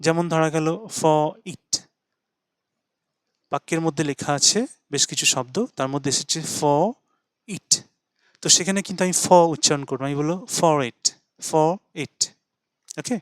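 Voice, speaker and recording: A middle-aged man teaches English pronunciation in a slightly high voice, repeating each sound patiently and spelling out letters one by one. The recording is dry and close, with no room echo. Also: steady tone, moderate pace, long pauses, a bit bright. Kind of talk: spoken lesson.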